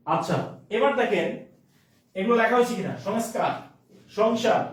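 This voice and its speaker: A man's voice: high voice, expressive, normal speed. A man teaching an online grammar class, repeating each word and often checking that students follow. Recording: very echoey room, distant mic.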